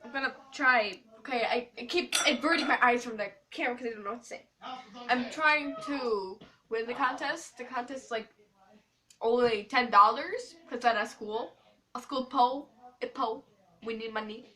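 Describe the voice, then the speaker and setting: A woman's voice: fairly high pitch, moderate pace, crowd noise. A young, school-age female host talking to camera in a casual, rambling vlog, with a playful, silly, scattered manner. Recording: distant mic, noisy, clicks.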